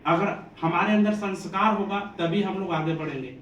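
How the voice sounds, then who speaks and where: A man's voice: high-pitched, normal speed, a bit bright, lo-fi sound. A man from Bihar who runs a coaching institute, giving an earnest, devotional motivational address to students. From Bihar, India. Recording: echoey room, distant mic, faint ambient noise.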